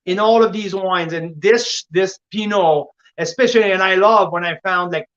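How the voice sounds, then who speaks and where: A man's voice: sits high, moderate pace, fairly bright tone. A man hosting a casual wine tasting and reviewing wines like a sommelier. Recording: dull, lo-fi audio.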